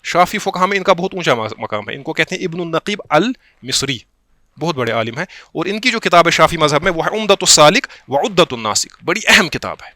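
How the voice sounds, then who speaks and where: A man from Kashmir teaching a class, reading out a text slowly and explaining it line by line, often checking that his students follow. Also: fairly high pitch, sing-song, sharp tone, dry recording, clean studio sound. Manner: explains slowly, reads Arabic text then glosses it, checks understanding with the class; quotes lines slowly and deliberately. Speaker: instructor. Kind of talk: classroom lecture on a religious text.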